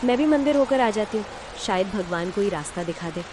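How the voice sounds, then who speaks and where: A woman voicing a pious village wife in a cartoon who gently urges her husband to trust in God. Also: mid-range voice, animated, fairly quick, noisy background, natural voice. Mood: reproachful. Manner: gently coaxing, faithful, reassuring.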